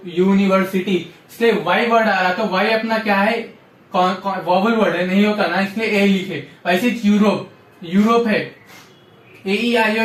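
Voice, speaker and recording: A man teaching a grammar lesson, repeating rules and checking often that students understand. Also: sits high. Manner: repetitive, drills rules with frequent "samjhe?" check-ins. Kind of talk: classroom-style grammar lesson. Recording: echoey room, voice from a distance.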